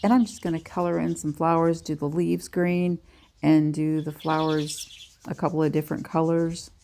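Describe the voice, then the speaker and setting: A woman's voice: sits low, level tone, moderate pace, warm tone, slight background noise. A woman giving a chatty, self-deprecating nail art tutorial in a casual voice-over.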